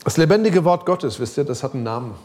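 A man's voice: quick pace, noisy background. A middle-aged male pastor preaching a sermon, talking casually and directly to his listeners, his voice rising and falling. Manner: lively preaching, pitch rising and sinking, some quiet passages; casual, direct address with English loanwords.

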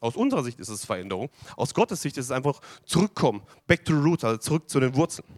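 A man preaching a sermon to a congregation, animated and asking them questions. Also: high-pitched, no echo, studio quality. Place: church hall with audience.

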